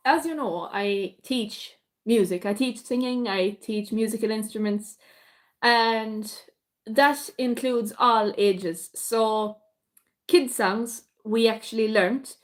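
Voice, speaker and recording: Kerry Irish woman, livestream music-teacher host, fairly high voice, unhurried chatty delivery. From North Kerry, Ireland. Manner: chatty, greets viewers by name, unhurried. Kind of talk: casual livestream chat reading viewer comments.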